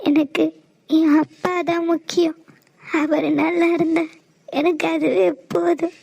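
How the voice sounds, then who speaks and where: A woman's voice: extremely high pitch, flat delivery, unhurried, vocal fry, a little mellow, no room sound, full character voice. A woman voicing a heartbroken young wife in a cartoon, speaking in a tearful, pleading way. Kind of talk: cartoon voice acting.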